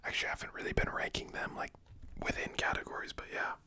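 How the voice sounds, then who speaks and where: An ASMR host whispering a casual, informal ranking commentary in a breathy, unvoiced voice with slangy phrasing. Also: fast talker, sharp tone.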